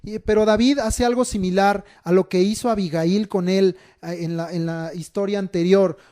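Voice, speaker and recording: A man with a high-pitched voice leads a church Bible study class. He reads passages of scripture aloud and then unpacks them in plain, conversational words. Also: fairly even intonation, moderate pace, mellow. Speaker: Bible teacher. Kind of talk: sermon-style Bible lesson.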